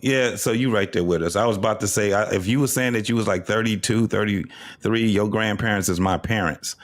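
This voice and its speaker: A man's voice: lowish voice, fairly quick. A man in his fifties in a casual podcast debate, pressing his points with repetition and questions to the others. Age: 50s. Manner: emphatic, repeats points, asks others questions. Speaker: podcast co-host.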